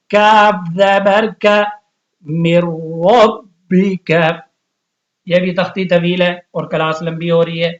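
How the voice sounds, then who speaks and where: Guy teaching quran reading online, pretty high voice, rushes the rules then drags out each letter, muffled audio. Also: fairly bright tone. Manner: quick explanations, then slow drawn-out spelling of letters.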